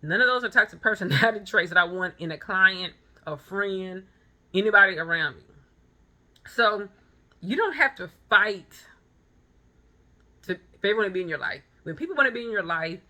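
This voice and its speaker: The recording is low quality, but her mid-range voice comes through bright and forceful, with lively intonation, a moderate pace and long pauses. This vlogger and photographer in her thirties gives an emphatic, blunt pep talk, sharing personal anecdotes and repeating phrases to drive points home.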